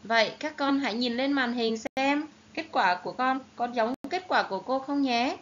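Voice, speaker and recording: A woman primary school teacher with a Southern Vietnamese accent, giving a recorded reading lesson to children and carefully spelling out each word. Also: high voice. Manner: slow, careful, clearly enunciated teaching delivery. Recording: dull lo-fi recording with faint hiss.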